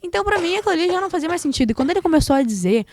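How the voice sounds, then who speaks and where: A woman with a southern Brazilian accent from Rio Grande do Sul, a podcast guest telling her personal faith story in lively storytelling fashion. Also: extremely high pitch, rapid-fire, no echo, studio quality. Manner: lively storytelling, acting out quoted voices.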